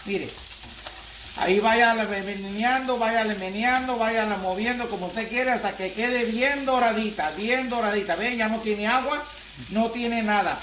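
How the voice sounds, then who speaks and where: A man's voice: high voice, normal speed, a bit bright, a little hiss or hum. A man giving a folksy cooking demonstration at his stove, coaxing the viewer step by step. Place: home kitchen by the stove. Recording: echoey kitchen with frying sizzle.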